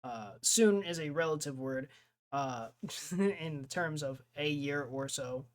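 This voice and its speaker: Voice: medium pitch, slow pace. Rambling young streamer, laughing often. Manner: rambling, jumps between topics, laughs often. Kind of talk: casual chat with live viewers.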